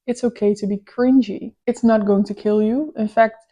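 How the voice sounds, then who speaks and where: Woman, 30, mellow voice; rambling self-deprecating vlog chat with frequent laughs. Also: fairly high pitch, steady tone, moderate pace. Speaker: vlogger. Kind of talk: casual reflective chat to camera.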